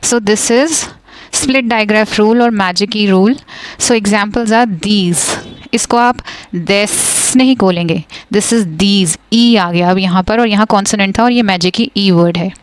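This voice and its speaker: Slow, clear teacher woman. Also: mid-range voice, no room sound. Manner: switches between slow, drawn-out example words and fast explanations. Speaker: phonics teacher. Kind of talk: explaining a lesson, mixing Hindi and English.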